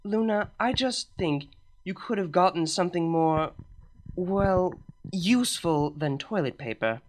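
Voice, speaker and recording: A woman's voice: fairly low pitch, lively intonation, measured pace, darkish tone, faint music behind, poor audio. A woman voicing a regal alicorn princess who is polite but exasperated and sighs often.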